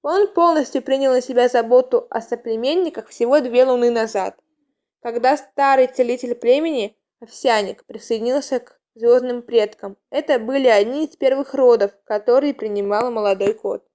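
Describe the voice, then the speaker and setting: Lady reading a story out loud, calm, kinda high voice. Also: normal speed. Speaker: narrator.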